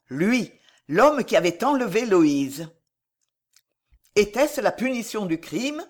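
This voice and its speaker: A woman narrating a historical novel as an audiobook, in an expressive, dramatic reading. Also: mid-range voice.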